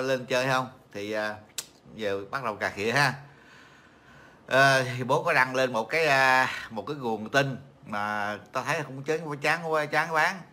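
Man, middle-aged, livestream host, casual rambling chat, mocking tone, bright tense voice. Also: medium pitch. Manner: rambling, mocking, many fillers and repeats.

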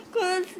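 A woman's voice: very high voice, rough recording. A woman talking while eating ice cream, her lip numb and sore after stitches, mumbling and laughing through the pain in casual chat. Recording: hissy home video.

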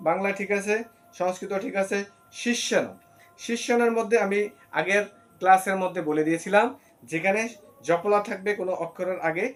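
A man teaching Sanskrit pronunciation in a recorded class, explaining patiently step by step and often checking that the listeners follow. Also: high voice. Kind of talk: recorded online class lesson.

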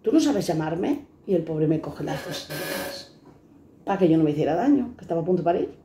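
A woman's voice: low voice, lively intonation, fast talker, warm tone. A blunt, fiery woman in her fifties from Spain tells stories from her own life, swearing and acting out the people in them. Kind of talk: personal storytelling to camera. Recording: echoey room.

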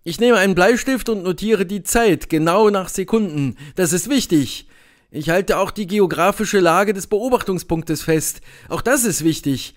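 A man narrates a classic story as an audiobook reader. His voice sits high for a man, and his delivery is lively and dramatic, building tension through the scenes. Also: normal speed. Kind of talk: literary narration.

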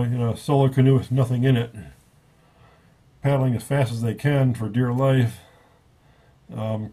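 A man's voice: mid-range voice, warm tone, breathy edge. A man giving a casual, rambling spoken review at a table, often correcting himself as he goes. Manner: rambling, self-correcting, offhand. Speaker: book reviewer.

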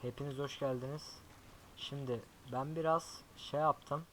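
A young man giving casual gameplay commentary as a YouTuber, chatty and swearing often, talking softly to his horse now and then. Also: mid-range voice, fairly even intonation, measured pace, slight background noise, low-quality recording. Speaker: gaming YouTuber.

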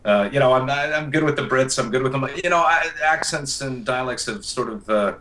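A man who narrates audiobooks, chatting as a guest in a relaxed way with many fillers and restarts. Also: mid-range voice, brisk, far from the mic, slight background noise, rough recording. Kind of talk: casual interview chat.

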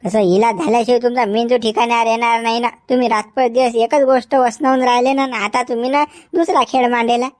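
A woman's voice: fairly high pitch, fairly even intonation, a little fast, few pauses, a little mellow, natural voice. A woman doing a bossy village elder. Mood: stern. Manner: bossy, ordering.

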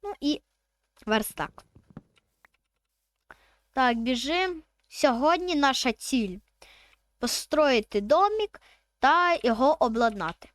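A woman's voice: high-pitched, expressive, slow, pauses often, no room sound. A woman, chatting casually as she plays a video game and counts aloud while building. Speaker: gaming video host.

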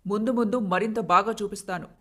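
A woman voicing a harsh, domineering rich mother-in-law in a storybook tale, shouting scornful threats. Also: medium pitch, fast. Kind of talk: storybook narration.

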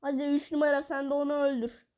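A woman giving live gameplay commentary, excitable, bursting into exasperated outbursts and taunting opponents while talking to her viewers. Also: sits high, quick pace, highs cut off. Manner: addresses viewers directly. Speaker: mobile game player.

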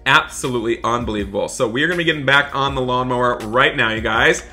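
Over video game footage recorded indoors, a young gaming creator speaks quickly in a sharp, mid-range voice, delivering dramatic, emphatic roleplay commentary and repeating his exclamations for viewers. Music runs in the background.

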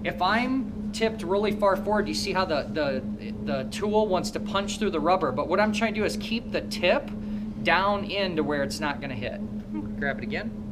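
Working hands-on in the shop, this Midwestern American motorcycle technician instructor in his thirties coaches students by asking them questions. He speaks at normal speed in a high-pitched voice with lively intonation, amid very heavy noise.

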